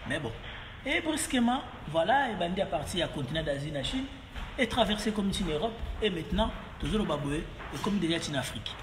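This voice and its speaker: Congolese man, casual rambling monologue, high-ish voice, long echoey reverb, switching French and Lingala. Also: big pitch swings, a little fast, background noise. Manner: rambling, mixing French and Lingala, many fillers and repeats. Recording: roomy echo, long reverb, faint ambience.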